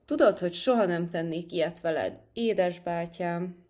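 Woman doing storybook she-cat, young, gentle, sweet, plaintive, lowish voice. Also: close to an everyday voice.

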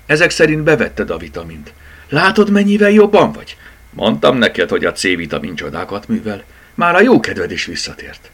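A man's voice: low-pitched, big pitch swings, a bit bright, husky, full character voice. Man doing a caring, busy mother. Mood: cheerful.

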